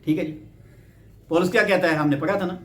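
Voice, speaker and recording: A man's voice: high-pitched, a bit bright. A man from Pakistan giving a Bible teaching lecture, explaining step by step and checking in with rhetorical questions. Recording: roomy echo.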